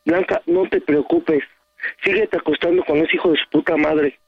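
Angry, foul-mouthed Mexican man, gravelly on the phone. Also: on the high side, steady tone, normal speed, no echo. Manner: angry, curt, threatening to leave. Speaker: prank call victim on a radio show. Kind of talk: heated phone argument. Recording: phone call on radio.

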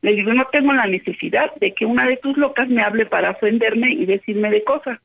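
Upset and agitated, a high-pitched woman with a Mexican Spanish accent rushes fairly quickly through an animated retelling of an argument, voicing both sides. This casual phone chat comes over a narrow, tinny line.

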